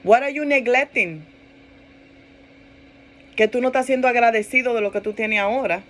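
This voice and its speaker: Woman pastor, fairly high voice, lively sermon delivery with repeated emphatic phrases. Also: moderate pace. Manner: animated preaching, laughs and acts out quoted complaints; repeats phrases for emphasis, asks listeners "¿verdad?".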